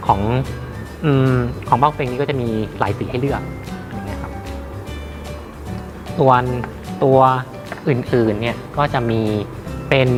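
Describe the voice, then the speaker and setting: A man giving an informal product demonstration as a seller, haltingly, with many repeats and hesitations. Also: mid-range voice. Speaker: radio equipment seller.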